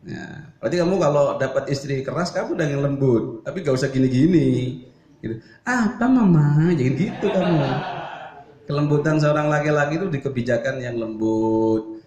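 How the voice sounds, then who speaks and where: A male Islamic preacher giving a sermon to a congregation, telling stories lively with humorous asides. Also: mid-range voice, fairly quick, slight background noise. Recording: roomy hall echo.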